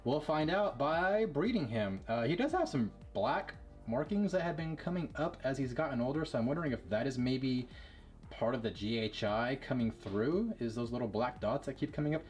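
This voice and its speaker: A man breeding ball pythons, talking casually and quickly with lots of fillers as he shows his snakes. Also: mid-range voice, animated, darkish tone. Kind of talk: casual vlog showing animals.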